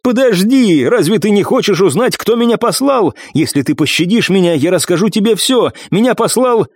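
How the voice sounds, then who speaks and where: A man playing a panicked wounded assassin in an audiobook, pushing his voice high and shrill. He shouts and begs in desperation. The sound is close and dry. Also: expressive, moderate pace, husky, no echo, heavily acted. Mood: begging.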